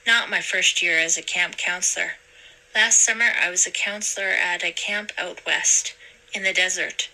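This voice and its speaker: A woman voicing a friendly teenage boy camp counselor, reassuring and a bit raised in pitch. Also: steady tone, moderate pace, bright, forceful tone, poor audio.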